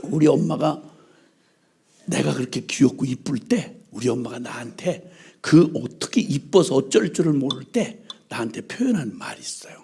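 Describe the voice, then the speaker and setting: An older man preaching at a church revival meeting, telling humorous stories and mimicking his mother's scolding with lively, joking energy. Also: mid-range voice, normal speed, slightly rough. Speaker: missionary preacher. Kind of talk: humorous sermon storytelling.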